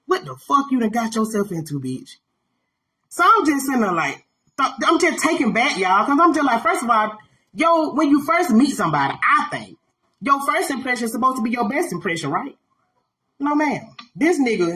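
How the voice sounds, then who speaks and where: Brash, animated woman telling a story. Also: fairly high pitch. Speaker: podcast host. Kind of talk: casual storytelling to an audience.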